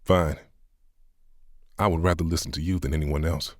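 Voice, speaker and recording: A worn-down, grieving man who turns his pain into defiant, self-pitying sarcasm, played by a man. The voice is deep and recorded close with no room sound. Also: fairly even intonation, normal speed, no room sound. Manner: bitter, half-hearted sarcasm.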